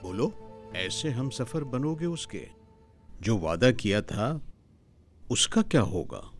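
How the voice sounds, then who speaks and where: एक अभिनेता एक समझदार, नरमी से डाँटने वाले बुज़ुर्ग का किरदार निभाता है।. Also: male voice, medium pitch, big pitch swings, soft background music, full character voice. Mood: calm. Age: older. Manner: measured, gently admonishing. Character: calm, wise older man, gently stern. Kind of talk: television drama acting.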